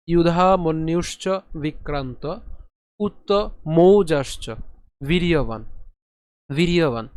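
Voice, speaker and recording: Man teaching slow verse recitation. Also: a little high, clean tone, no echo. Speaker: Sanskrit pronunciation teacher. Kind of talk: recorded recitation lesson.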